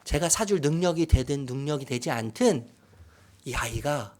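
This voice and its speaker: A middle-aged man preaching a sermon as pastor, swinging from loud, animated outbursts to hushed whispers. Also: fairly high pitch, normal speed. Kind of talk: sermon with acted quotes. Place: church sanctuary.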